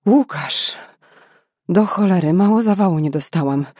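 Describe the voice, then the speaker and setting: A man's voice: high voice, unhurried, darkish tone, no echo, clean studio sound, voice pushed up. A man voicing a young woman, a tired nurse, in an audiobook, with raised, emotional outbursts. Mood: angry.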